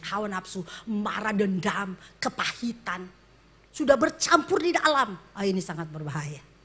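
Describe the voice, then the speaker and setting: A woman's voice: mid-range voice, a bit bright. A woman pastor preaching a sermon, speaking animatedly and addressing her congregation directly.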